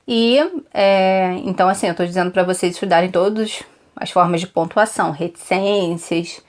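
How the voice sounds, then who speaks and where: A woman's voice: fairly low pitch, fairly even intonation, moderate pace. A woman with a Brazilian accent giving an online exam-prep lesson, chatty and repetitive, often checking in with her students. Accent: Brazilian Portuguese. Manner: chatty, repeats tips, frequent "tá?" check-ins. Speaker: Portuguese teacher for exam prep.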